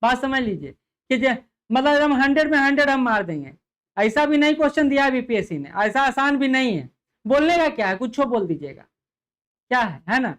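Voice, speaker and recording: A man's voice: very high voice, animated, fairly quick, fairly bright tone. A man, a coaching teacher giving an emphatic exam analysis lecture and speaking directly to students. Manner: emphatic, repeats figures, addresses students directly.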